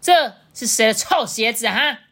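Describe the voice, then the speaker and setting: A woman's voice: fairly high pitch, animated, moderate pace, bright, forceful tone, breathy edge, pitched above the performer's own voice, heavily acted. A woman voicing a hot-tempered elephant father in a storybook, barking orders. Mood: furious. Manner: barking, bossy.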